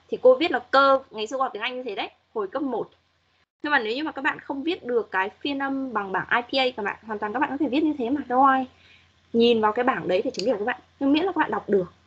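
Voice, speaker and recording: A woman's voice: fairly high pitch, slightly rough, lo-fi sound. A woman English teacher giving patient, corrective feedback to students in an online class, modeling pronunciation as she goes.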